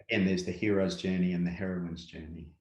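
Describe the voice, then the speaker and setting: An Australian workshop presenter appearing as a guest reflects on ideas in an unhurried, conversational interview, filling his speech with frequent "yeah" and "yep". His lowish voice is steady and a little mellow, with a noticeable room echo.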